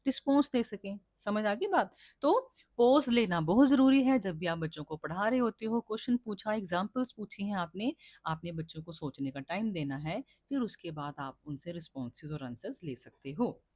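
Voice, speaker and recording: A woman's voice: mid-range voice, animated, moderate pace, a little mellow, no room sound, studio quality. A woman teacher explaining teaching skills to trainee teachers, who often asks questions and answers them herself and checks that the class understands. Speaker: teacher educator.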